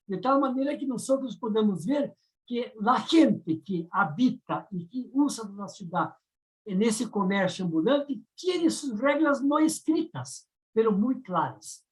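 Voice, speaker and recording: On a round-table panel, a discussant from Brazil offers considered academic remarks in a Brazilian-accented voice of medium pitch, her first language being Portuguese. She pauses frequently while searching for words, and the recording is of poor quality.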